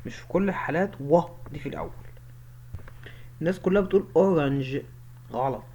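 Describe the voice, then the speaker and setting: A man's voice: on the high side, lively intonation, dark tone, husky. A man with an Egyptian Arabic accent teaching English pronunciation, drilling each word and sound over and over. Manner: drills words slowly, repeating each sound many times. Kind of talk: pronunciation lesson. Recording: slightly dull with faint background noise.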